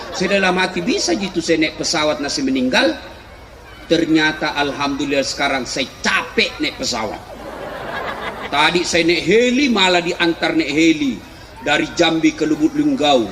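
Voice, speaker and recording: A middle-aged man preaching a comic sermon, animated, often shouting and laughing through his punchlines. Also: sits high. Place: large hall with a live audience. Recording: echoey hall, faint crowd and noise.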